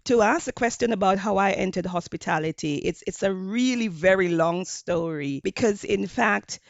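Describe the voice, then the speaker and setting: This is a hospitality professor from Jamaica, a woman with a Jamaican accent, offering measured interview responses full of fillers. Her medium-pitched voice carries vocal fry, and the lo-fi audio is echo-free.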